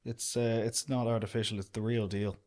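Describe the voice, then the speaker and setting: Relaxed Irish man chatting casually. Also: fairly low pitch, fairly quick. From Ireland. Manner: relaxed, rambling, lots of "do you know". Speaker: guest, outdoor business owner. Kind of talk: casual interview chat.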